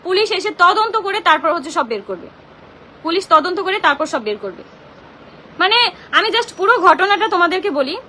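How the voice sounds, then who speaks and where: A young Bangladeshi woman talks in a very high voice on her phone during a live stream, her tone bright and piercing. She complains in an agitated, confrontational way. A faint noise runs behind her. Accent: Bangladeshi Bengali. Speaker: social media livestreamer. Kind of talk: emotional live-stream rant.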